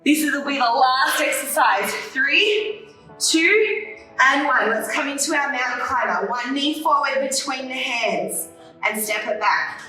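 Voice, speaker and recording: A woman's voice: sits high, measured pace, bright, forceful tone. A woman leading a follow-along pilates workout, upbeat and encouraging, counting down reps and a little out of breath. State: slightly out of breath. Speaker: pilates instructor. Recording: roomy echo, distant from mic, faint music.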